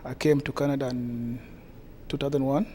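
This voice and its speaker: A man from South Sudan with a South Sudanese accent, answering interview questions haltingly with many pauses. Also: mid-range voice, little pitch movement, warm tone, slight background noise. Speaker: guest, community association president.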